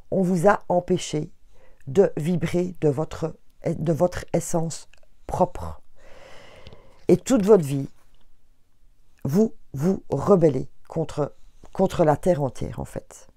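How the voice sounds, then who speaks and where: A woman's voice: low voice, slow, pauses often, warm tone, no echo. A woman with a Belgian French accent giving a casual astrology card reading, speaking straight to her viewers with many fillers and restarts. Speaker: tarot reader.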